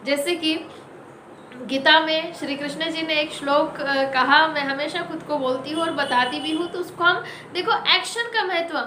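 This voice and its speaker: Very high, bright-voiced woman exhorting listeners. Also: measured pace, slight background noise. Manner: emphatic, repeats exhortations in short bursts. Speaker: motivational speaker with own channel. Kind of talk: motivational talk. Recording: roomy echo.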